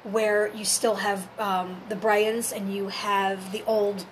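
A woman's voice: mid-range voice, level tone, slow, a little hiss or hum, poor audio. A woman talking informally as a storyteller, explaining folklore and history step by step in a conversational way.

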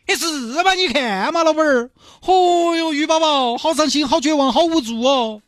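A man with a Sichuanese accent voicing an excitable, soft-hearted man who gushes and wheedles for a dolphin's life. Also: moderate pace, no echo, clean studio sound. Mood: pleading. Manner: shrill, gushing, wheedling.

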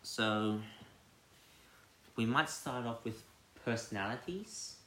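A man's voice: medium pitch, slow pace, fairly bright tone, a little hiss or hum. A young man hosting a casual chat podcast, rambling with many fillers and frequent laughs. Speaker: podcast host. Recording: echoey room.

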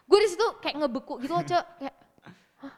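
A woman's voice: very high voice, fast talker. Young woman telling a story, echoey. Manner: lively slangy storytelling, acting out quotes. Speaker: interview guest. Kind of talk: casual storytelling chat.

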